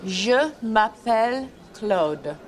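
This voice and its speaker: A woman's voice: on the high side, lively intonation, very slow. An actress playing a quirky young woman friend in a sitcom, bubbly and singsong as she coaches someone, patient at first and then fed up. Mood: coaxing. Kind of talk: sitcom acting. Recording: loud noisy TV clip.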